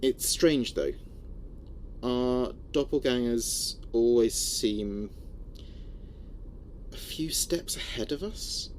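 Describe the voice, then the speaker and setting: A man plays an anxious, brooding spaceship communications officer reading his log in a scripted sci-fi horror audio drama, his mood uneasy and reflective. His medium-pitched, darkish voice moves slowly with frequent pauses in a lightly acted style, with music under it and slight background noise.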